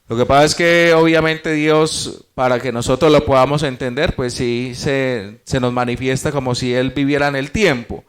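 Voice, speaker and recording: A man with a smooth, slightly high voice leads a Bible study class at church. He explains things one step at a time, asks rhetorical questions, and calls the congregation "brothers."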